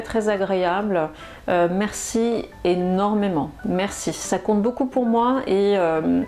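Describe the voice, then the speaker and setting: A woman teaching French expressions in a language lesson, saying each phrase several times with many pauses and fillers. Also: medium pitch, darkish tone. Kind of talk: slow, repetitive language lesson.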